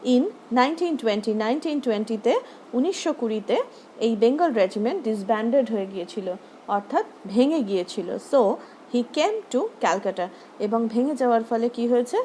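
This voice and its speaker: A woman teaching a primary school English lesson with a Bengali accent. She reads the English text slowly, word by word, and explains each phrase in Bengali. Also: fairly high pitch, animated, warm tone, slight background noise. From West Bengal, India.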